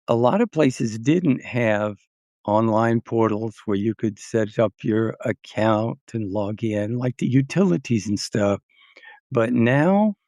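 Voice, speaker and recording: A man's voice: lowish voice, darkish tone, no room sound, clean studio sound. A man, a teacher of independent living skills, talking as a guest in an easygoing, self-deprecating way. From Austin area. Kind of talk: casual chat.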